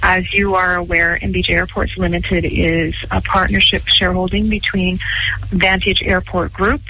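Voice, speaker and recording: Bright-voiced Canadian woman, briskly informative. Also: lowish voice, level tone, low-quality recording. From Canada, Vancouver Island. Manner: polite, informative, lightly laughing. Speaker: airport commercial officer. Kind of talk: phone-in interview on radio.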